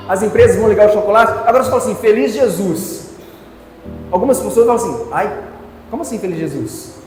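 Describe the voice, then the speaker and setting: A man with a Brazilian Portuguese accent preaching a sermon as pastor, with an emphatic, repetitive cadence. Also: very high voice. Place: church hall. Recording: echoey church hall, soft music.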